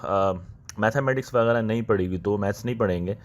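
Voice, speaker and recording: A man, talking viewers through job openings in a casual, unhurried way, often slipping into English phrases and pausing to think. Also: lowish voice. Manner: unhurried, thinking aloud with many "uh" pauses. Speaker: channel host explaining job openings. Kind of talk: casual explanatory walkthrough.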